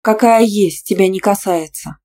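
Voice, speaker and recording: A woman's voice: mid-range voice, normal speed, voice pushed up, lightly acted. A woman voicing a young female student who answers back sharply and defiantly. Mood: indignant. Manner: sharp, defiant, easily outraged.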